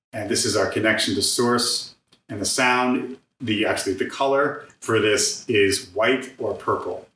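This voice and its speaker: Bright-voiced male sound healer, echoey room. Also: lowish voice, far from the mic. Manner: demonstrates vowel tones by singing them; earnest, ends points with "right?". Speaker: vocal sound healer guest. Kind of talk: guided chakra sound teaching.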